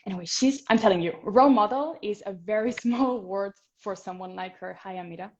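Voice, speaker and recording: A woman's voice: mid-range voice, fairly quick, dull audio, a crowd in the background. Female interview host; enthusiastic, upbeat, talks her guest up. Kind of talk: casual interview.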